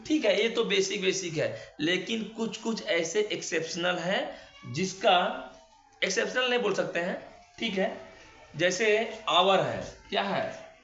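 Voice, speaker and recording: A man's voice: sits high, animated, measured pace, fairly bright tone, faint music behind. A male teacher giving a classroom-style grammar lesson. He keeps asking rhetorical questions and answering them himself, and he draws words out when he spells them. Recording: echoey room, dull lo-fi sound.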